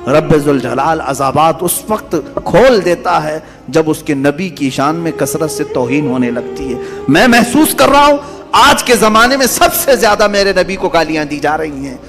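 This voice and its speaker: Guy preaching fired up, kinda high voice, long hall echo, music underneath. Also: sing-song. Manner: impassioned, rising to loud emphatic peaks. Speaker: Islamic preacher. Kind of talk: sermon. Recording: echoey hall with music behind.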